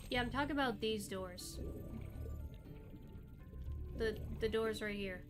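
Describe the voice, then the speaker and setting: A woman's voice: on the high side, slow pace. A woman streamer chatting casually while playing a game, thinking aloud and answering chat. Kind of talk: casual gameplay commentary. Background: game music.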